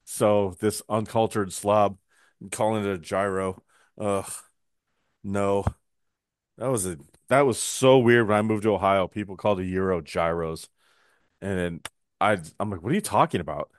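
A man's voice: fairly low pitch, fairly even intonation, unhurried, long pauses, smooth, dry recording, clean studio sound. A man co-hosting a casual podcast chat, joking and laughing often. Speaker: podcast co-host.

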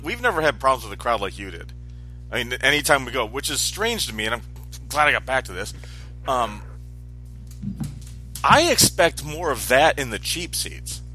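Forties male co-host, bright tense tone, chatty and rambling. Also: medium pitch, low-quality recording. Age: 40s. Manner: chatty, rambling, self-correcting. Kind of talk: casual chat.

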